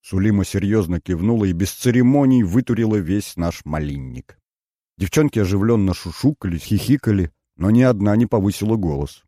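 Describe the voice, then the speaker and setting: Deep-voiced male audiobook narrator. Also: lively intonation, warm tone, no echo, clean studio sound. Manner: measured, storytelling. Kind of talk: first-person novel narration.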